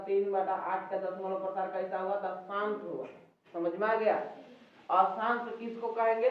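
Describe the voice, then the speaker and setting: Man teaching maths in an echoey room. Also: high voice. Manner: explains step by step, often checks in with "ठीक है". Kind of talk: classroom lesson at a board. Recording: echoey, distant, dull with faint noise.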